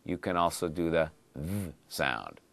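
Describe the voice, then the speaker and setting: A man teaching pronunciation, modeling sounds and words slowly with exaggerated articulation and speaking directly to learners. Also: very deep voice, dry recording. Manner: animated, addresses learners directly with questions. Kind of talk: English pronunciation lesson to camera or listeners.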